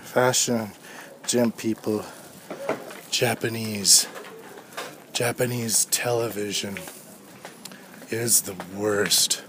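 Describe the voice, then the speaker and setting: A man in his thirties with a lowish, steady voice hosts a solo podcast, speaking very slowly with long pauses. He's walking down a street, delivering a sardonic, profane, rambling rant, with street noise and passing traffic in the background.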